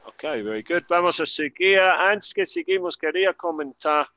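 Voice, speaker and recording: A man's voice: high voice, moderate pace, bright, forceful tone, no echo. A man teaching an online language lesson, explaining grammar patiently and carefully. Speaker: English teacher.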